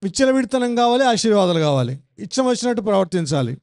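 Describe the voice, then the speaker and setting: Male pastor, high pitch, emphatic teaching sermon with rhetorical questions. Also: sing-song, fast talker, darkish tone. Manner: emphatic, repeats phrases, asks the congregation questions. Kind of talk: Bible-study sermon.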